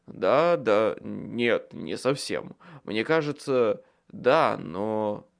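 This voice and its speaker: Brief: male reader doing an earnest, persistent grown man, calling out loud and a little higher than the narration. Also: lively intonation, very slow, creaky, full character voice. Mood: polite. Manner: persistent, gently insistent.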